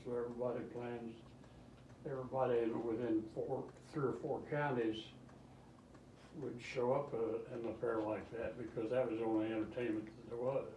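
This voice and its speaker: An old man talks casually about his memories, halting and repeating himself. His pitch is average for a man. The recording is roomy and a bit distant, with faint noise behind him. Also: little pitch movement, lo-fi sound. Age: 80s or older. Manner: old man's halting, rambling recollection with repeats. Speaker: interviewee, grandfather. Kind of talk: casual reminiscence.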